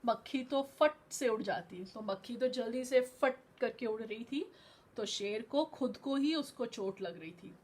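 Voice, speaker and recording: A woman's voice: fairly high pitch, lively intonation, unhurried, a little mellow, slightly rough. A woman school teacher in an online class, reading a story aloud and patiently explaining words, mixing in English terms. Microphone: video call.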